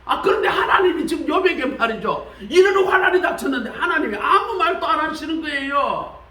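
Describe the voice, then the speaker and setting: Animated high-voiced pastor in an echoey church. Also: male voice, fairly quick, far from the mic. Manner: animated, acts out quoted voices with shifts of pitch; colloquial, repeats "말이죠". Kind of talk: sermon. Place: church sanctuary.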